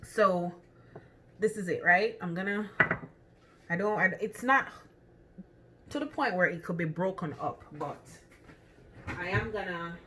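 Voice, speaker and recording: A cooking vlogger with a Jamaican accent and a voice on the low side talks casually through a demonstration in her home kitchen. She thinks out loud, with lots of ums and restarts, and the background is noisy.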